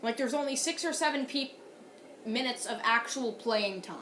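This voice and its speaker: Blunt high-voiced woman chatting. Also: a bit bright, echoey room, slight background noise. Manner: blunt, teasing, quick to call things dumb. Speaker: stream co-host. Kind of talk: casual chat watching sports.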